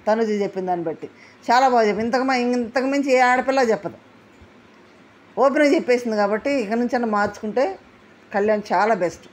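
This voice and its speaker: A woman gives a casual, animated recap of a reality show. She acts out what people said and asks rhetorical questions. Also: a little high, fast talker. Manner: animated retelling, acting out quotes, asking rhetorical questions. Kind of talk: casual spoken recap and commentary.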